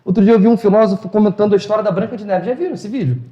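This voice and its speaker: A man's voice: high-pitched, very fast, muffled recording. A man giving an informal spiritual talk, telling stories in colloquial slang and acting out the dialogue. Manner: colloquial storytelling, acts out dialogue. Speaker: spiritual lecturer. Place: hall of a spiritual house. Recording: roomy echo.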